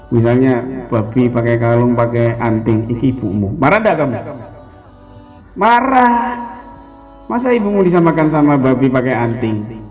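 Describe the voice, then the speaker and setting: A man preaching a sermon in an animated way and often putting questions to his listeners. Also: mid-range voice.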